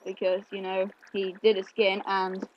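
A man's voice: sits high, monotone, normal speed, slight background noise. A male gameplay host rambling casually through commentary, full of fillers. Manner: rambling, chatty, with many fillers. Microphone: desk mic picking up keyboard clicks. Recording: slightly dull home recording with keyboard clicks.

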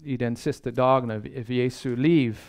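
A man giving a sermon-style Bible lecture, measured and earnest, pausing often and restarting phrases as he thinks. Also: medium pitch, fairly even intonation, a little mellow. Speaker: Bible seminar speaker.

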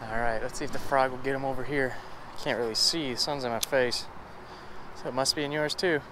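A man in his thirties vlogging while fishing by a pond, talking excitedly to viewers through an action camera. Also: mid-range voice, a little fast. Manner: excitable, hypes up catches to viewers. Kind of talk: casual outdoor vlog. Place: outdoors by a pond. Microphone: action camera, selfie framing. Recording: outdoor camera with clear background noise.

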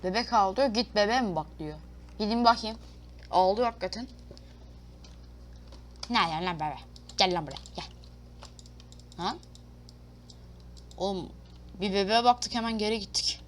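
A woman chats her way through a video game, reading prompts aloud and cursing playfully as she goes. Her pitch sits at an ordinary middle for a woman. A faint hiss and the click of a keyboard run underneath. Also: moderate pace, long pauses. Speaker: gaming YouTuber. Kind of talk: casual let's-play commentary.

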